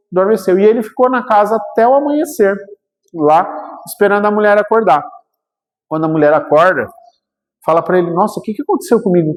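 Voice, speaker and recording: His voice sits high and carries a Brazilian Portuguese accent as he tells a story as a guest speaker at a spiritual talk. The telling is lively, with quotes acted out and repeated check-ins with listeners, and the sound has long hall reverb.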